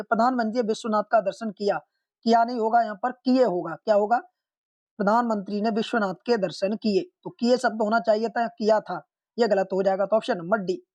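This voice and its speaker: Hindi exam-prep teacher, online lesson, steady explanations, middling pitch, dry close sound. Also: no room sound. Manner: steady explanatory tone, often says "okay" and "see"; addresses viewers as friends. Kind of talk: online lesson solving test questions.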